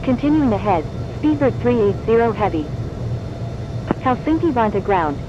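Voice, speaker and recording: A woman's voice: on the high side, big pitch swings, moderate pace. A synthetic-sounding woman pilot speaking clipped radio phrases over a cockpit radio. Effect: cockpit radio transmission. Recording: muffled radio over engine noise.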